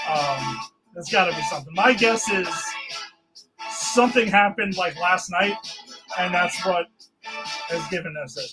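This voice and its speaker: A man with a high voice hosts a casual sports podcast, rambling loosely and using lots of fillers. The recording is rough, with music playing loudly in the background.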